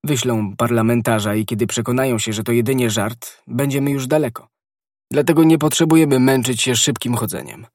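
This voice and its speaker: A man's voice: medium pitch, fairly even intonation, brisk, darkish tone, no room sound, studio quality, lightly acted. A man reading as a stern, scornful musketeer nobleman. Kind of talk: audiobook character reading.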